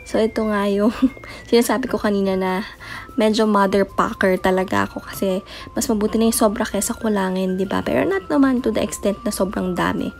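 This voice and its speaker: Chatty young filipina mom doing a voiceover, soft late-night voice, light music under it. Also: female voice, medium pitch, brisk. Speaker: mom vlogger. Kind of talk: casual voice-over show-and-tell. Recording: voice-over with faint music behind.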